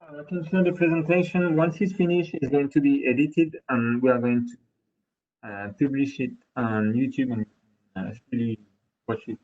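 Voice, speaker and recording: French-accented guy wrapping up a webinar, lots of uh's, mid pitch, kinda dull lo-fi audio. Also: steady tone, normal speed. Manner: hesitant, many fillers. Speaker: product specialist presenter.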